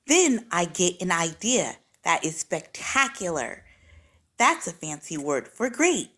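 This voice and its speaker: A woman reading a children's story aloud in an expressive, clearly phrased way. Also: fairly low pitch, takes it slowly. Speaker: storybook reader.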